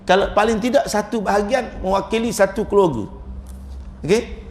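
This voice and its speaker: A man's voice: high voice, steady tone, moderate pace. A man with a Malaysian Malay accent giving a humorous religious lecture as a religious teacher, joking and chuckling often as he tells his stories.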